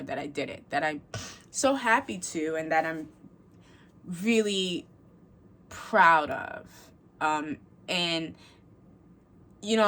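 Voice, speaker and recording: A woman's voice: on the low side, fairly bright tone. A woman vlogger chatting candidly while she gets ready at home, rambling with restarts, casual swearing and little pep talks to herself. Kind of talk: casual get-ready-with-me vlog chat.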